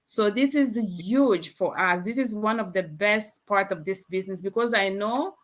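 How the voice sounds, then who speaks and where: A woman's voice: medium pitch, moderate pace. A woman from Canada, a guest in an online interview over a video call, speaking earnestly and repeating her words.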